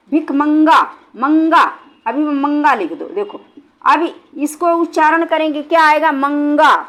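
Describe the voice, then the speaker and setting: High-pitched middle-aged lady explaining grammar, keeps asking "है ना", repeats stuff. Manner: repetitive, checks understanding with "है ना". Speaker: Hindi grammar teacher. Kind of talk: classroom-style explanation.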